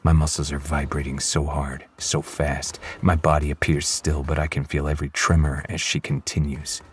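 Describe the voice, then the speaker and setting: A man narrating a first-person audiobook with low, restrained menace. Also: little pitch movement, moderate pace, husky.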